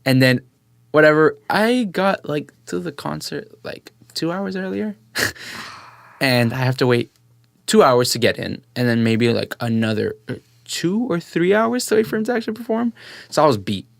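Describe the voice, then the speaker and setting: A young man as a podcast guest, telling a story in casual chat, animated and excitable, acting out what people said. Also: a little high, moderate pace, creaky, no echo, clean studio sound. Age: young adult.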